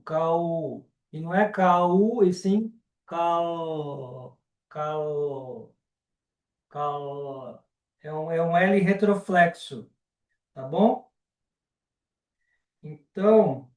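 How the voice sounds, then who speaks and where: A man with a Brazilian Portuguese accent teaching a live online class, unhurried and often ending sentences with a checking question. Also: sits high, a little mellow, far from the mic. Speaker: Sanskrit teacher. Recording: roomy and off-mic.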